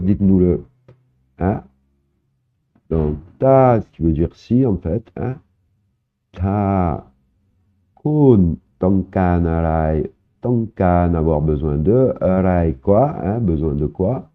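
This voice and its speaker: A man with a very low voice talks through an informal language lesson. He often stops to hesitate, repeats his examples, and adds little "hein"s. The sound is narrow and tinny, like it comes through a phone line. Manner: explains slowly, repeating words, with many hesitations and filler "hein". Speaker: Thai language teacher. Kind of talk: casual online lesson explaining vocabulary.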